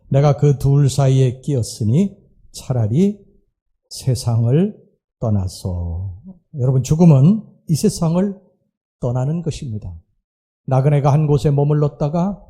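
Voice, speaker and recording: A male pastor preaching a Sunday sermon in a church. His voice is very dark and mellow, with a husky, breathy edge. He speaks slowly and earnestly, pausing often between phrases. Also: medium pitch. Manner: slow, earnest preaching with pauses and hesitations. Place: church sanctuary.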